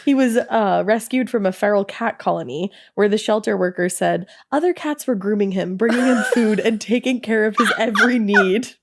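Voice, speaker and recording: A woman co-hosting a podcast, reading a listener's story aloud in a casual, animated, profane way and laughing as she goes. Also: medium pitch, normal speed, few pauses.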